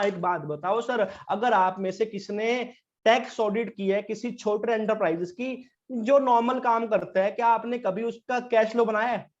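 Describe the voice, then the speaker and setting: High-voiced man giving a chatty lecture. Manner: lively, chatty, keeps asking the audience questions. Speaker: chartered accountant speaker at a professional webinar. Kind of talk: informal lecture. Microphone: online meeting mic. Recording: dull, lo-fi sound.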